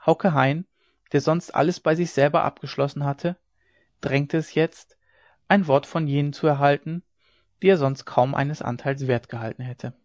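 Male audiobook narrator, steady and even. Slightly high register, dry close recording. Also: normal speed, no room sound, dull audio. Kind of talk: scripted narration.

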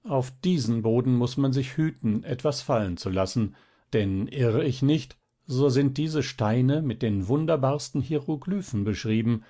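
A man's voice: mid-range voice, animated, measured pace, warm tone. A man reading aloud and voicing a haughty noble lady who is secretly a fairy, speaking with an indignant edge. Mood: polite. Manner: indignant, raised voice.

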